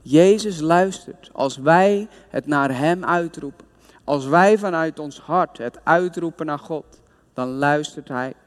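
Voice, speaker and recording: A man's voice: a little high, takes it slowly, big-room sound. A man preaching a sermon, retelling a scripture story with emphatic storytelling.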